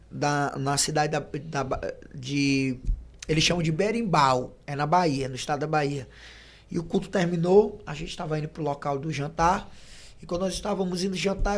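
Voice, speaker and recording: A man, an evangelist guest on a podcast, telling his testimony in casual chat and acting out the voices in his stories. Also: fairly high pitch. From Brazil. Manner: animated storyteller, acts out dialogue.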